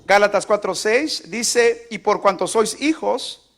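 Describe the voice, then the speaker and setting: A man's voice: high voice, slow pace, a bit bright. A man preaching a sermon as pastor, emphatic, asking the congregation to repeat lines aloud with him. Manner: emphatic call-and-response preaching.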